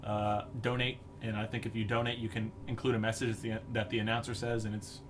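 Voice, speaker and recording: A man's voice: on the low side, little pitch movement, fast talker, background noise. A young man co-hosting a podcast, chatting in an enthusiastic, rambling way with many fillers. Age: young adult. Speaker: podcast co-host. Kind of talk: casual chat.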